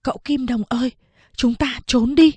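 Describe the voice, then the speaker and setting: A woman's voice: high-pitched, fairly even intonation, moderate pace, a little mellow, husky, dry recording, voice pushed up. Woman putting on an eager, pleading young boy. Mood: urgent coaxing. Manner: urgent, coaxing. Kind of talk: audiobook character voice.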